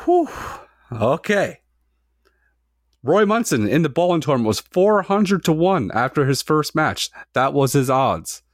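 A man's voice: on the high side, big pitch swings, measured pace, no echo, studio quality. A man hosting a casual podcast, reading out trivia questions and multiple-choice options to his friends and swearing freely. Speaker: podcast host running trivia quiz.

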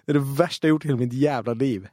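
A young man telling a story in casual podcast chat, animated and full of swearing. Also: medium pitch, no room sound, studio quality.

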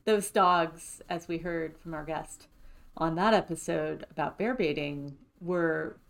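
A woman co-hosting a podcast in a lively, chatty way. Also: low voice, slow, creaky. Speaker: podcast co-host. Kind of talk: casual chat.

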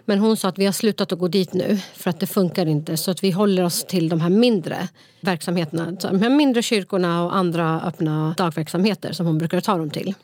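A woman's voice: on the low side, darkish tone. A woman co-hosting a podcast, telling a personal story in casual talk and mixing in English phrases. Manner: storytelling, mixes in English phrases, many fillers. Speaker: podcast co-host. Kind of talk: casual conversation.

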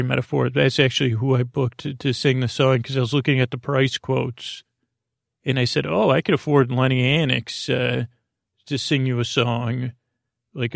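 A podcast host delivers a rambling, improvised bedtime monologue meant to help listeners fall asleep. In a creaky, mid-range voice he haltingly wanders through whimsical asides and stumbles over his words. The recording is dry, with clean studio sound.

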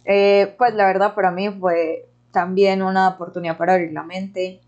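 A woman's voice: mid-range voice, level tone, normal speed, a little mellow. Chatty Colombian paisa woman, muffled audio. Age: 30s. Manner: slangy, laughs often, chatty. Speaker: podcast host. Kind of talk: casual chat.

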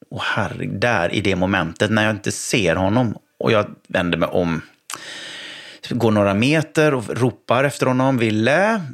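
A father from Sweden retelling a panicked story in casual chat, acting out his own shouts. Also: lowish voice.

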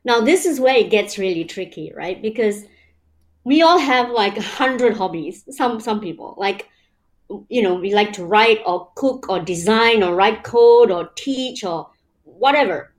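An unhurried Malaysian woman with a mid-range voice and lively intonation talks as an interview guest. Her manner is reflective and casual as she explains her points one numbered step at a time, often saying "you know."

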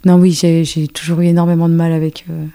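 A choreographer and dance teacher in her thirties, born in Algeria and raised in a French suburb, talks casually as a guest in a conversational interview, with many fillers and restarts. Her voice sits low with little pitch movement and is warm and smooth at a quick pace.

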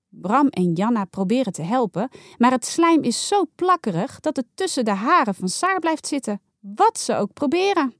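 A woman reading a children's story aloud in a lively, expressive way. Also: on the high side, no echo, clean studio sound.

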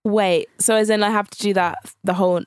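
A woman co-hosting a casual chat podcast, chatty and quick to react. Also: mid-range voice, steady tone, smooth, dry recording, clean studio sound. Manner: chatty, reacts with laughs and gasps. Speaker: podcast co-host.

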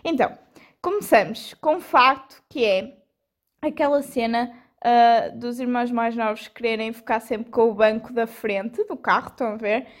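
A woman's voice: fairly high pitch, moderate pace. A young adult woman with a European Portuguese accent hosts a casual, slangy chat with her younger brother, teasing him as she goes. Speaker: host.

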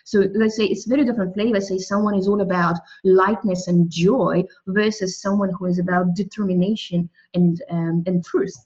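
Speaking at a moderate pace with few pauses, this woman has a medium-pitched, steady, somewhat dark voice, captured on a muffled recording. A guest in a spiritual interview whose first language is Russian, she considers the soul and language thoughtfully and frequently starts over mid-thought.

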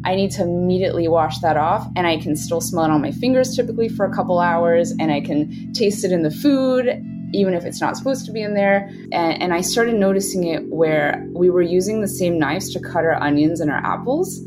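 A woman's voice: on the low side, fairly quick. A woman from Switzerland, casually telling a personal story. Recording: loud music behind the voice. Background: loud guitar music.

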